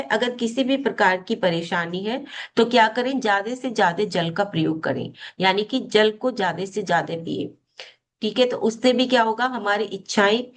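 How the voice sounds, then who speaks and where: A woman of middle pitch teaches a spiritual course in a steady explanatory way. She keeps posing questions to her listeners and then answers them herself, guiding them through a devotional practice. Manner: slow, deliberate chanting of mantra syllables.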